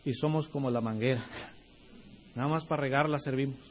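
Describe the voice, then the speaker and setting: A man's voice: medium pitch, steady tone, brisk, slight background noise. A young adult male pastor preaching a sermon, speaking directly to the congregation and rising into emphatic bursts.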